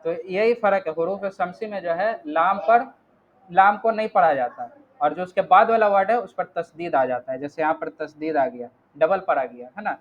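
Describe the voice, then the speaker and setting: Patient male Arabic teacher, high voice. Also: moderate pace, muffled recording, slight background noise. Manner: patient, checks in with "theek hai?" often. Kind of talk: online class teaching.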